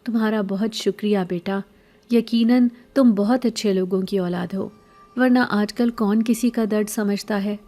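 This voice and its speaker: A woman's voice: medium pitch, steady tone, dark tone, close to an everyday voice. A woman voicing a middle-aged beggar woman in a horror story, pleading and sweet-sounding, later harsh and scolding.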